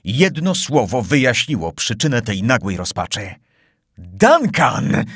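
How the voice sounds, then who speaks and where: A man reading an adventure novel aloud as audiobook narrator, with an expressive, suspenseful delivery. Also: mid-range voice, normal speed, no echo, clean studio sound.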